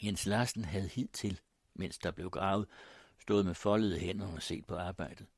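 Man reading a story, husky low voice, grave and measured, dry close mic. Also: no echo. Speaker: audiobook narrator. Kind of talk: first-person storybook narration.

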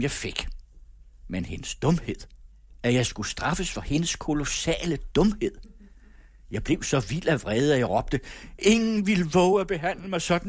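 A man reads a literary novel aloud at a measured storytelling pace. His pitch is ordinary for a man. The recording is dry and close, with no room echo. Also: husky. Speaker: audiobook narrator. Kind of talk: literary audiobook reading.

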